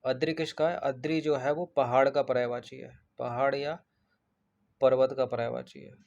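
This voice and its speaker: Brief: male exam coach, monotone delivery, walks through answers item by item and repeats them. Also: medium pitch, normal speed, gravelly, highs cut off. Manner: explains point by point, repeats answers, checks in with 'ठीक है'. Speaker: exam prep teacher. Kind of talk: exam paper walkthrough.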